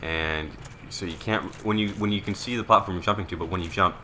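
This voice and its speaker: A man's voice: deep voice, fairly even intonation, a little fast, bright, forceful tone, slight background noise. A young man commentating a video game with a friend, casual and rambling, often frustrated and swearing. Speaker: let's play commentator. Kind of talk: casual gaming banter.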